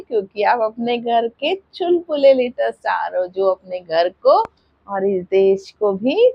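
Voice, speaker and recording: A woman teacher with an Indian English accent talks to parents in a higher voice, earnest and coaxing, often checking that they follow. The sound is dry and a little dull, close to the mic. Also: no echo. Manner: sing-song greetings, then earnest advice with tag questions. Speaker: preschool teacher. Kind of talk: warm advice to parents and kids.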